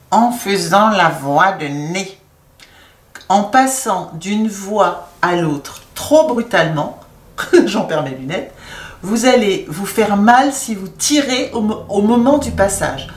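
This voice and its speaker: Lady singing teacher explaining head voice, slow and patient, echoey room a bit off mic. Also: mid-range voice, lively intonation, recorded from a distance. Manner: slow, explanatory, demonstrates sung notes. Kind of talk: vocal lesson with sung demonstrations.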